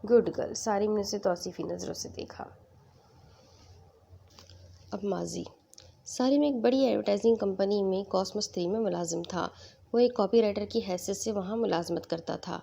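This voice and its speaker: A woman reading a novel aloud in a steady storytelling narration. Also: medium pitch, vocal fry, pauses often, slightly rough. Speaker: novel reader.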